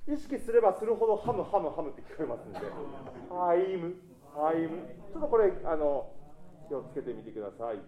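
A man's voice: on the high side, very animated, fairly quick, echoey room, dull audio. A man coaching a choir in rehearsal, encouraging the singers and singing short phrases to show how they should sound. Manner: encouraging, sings phrases to demonstrate. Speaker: choir conductor.

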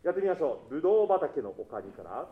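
A man's voice: fairly high pitch, sing-song, fast, reverberant, narrow, tinny audio, over music. A man coaching a choir in rehearsal, encouraging the singers and singing short phrases to show how they should sound. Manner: encouraging, sings phrases to demonstrate. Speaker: choir conductor.

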